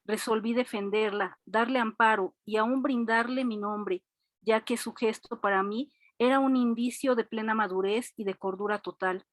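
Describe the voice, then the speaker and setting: A woman student, reading a story aloud in an online class, lively and expressive. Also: fairly high pitch, normal speed, no echo.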